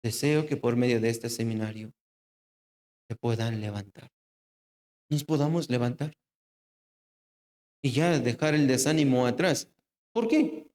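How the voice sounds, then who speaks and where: A man with a Mexican Spanish accent preaching a sermon who asks rhetorical questions and drops low and soft for emphasis. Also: measured pace, long pauses, echoey room. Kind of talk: evangelical sermon.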